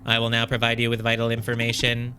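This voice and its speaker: A man's voice: medium pitch, completely flat delivery, fast talker, sharp tone, soft background music, close to an everyday voice. A man voicing a polite, formal robot guide while reading game dialogue aloud in a let's play, with a stiff, stately delivery. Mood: solemn.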